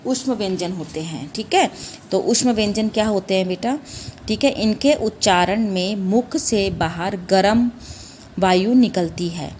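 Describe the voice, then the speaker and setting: A woman's voice: medium pitch, a little slow, darkish tone, a little hiss or hum. A young woman teaching a class of children, patient and repetitive, asking questions back, calling the pupils "beta", and drawing out sounds when she demonstrates them. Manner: patient, repeats "ठीक है" and asks questions back; calls listeners "बेटा" and "बच्चों". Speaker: primary school Hindi teacher. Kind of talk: classroom lesson.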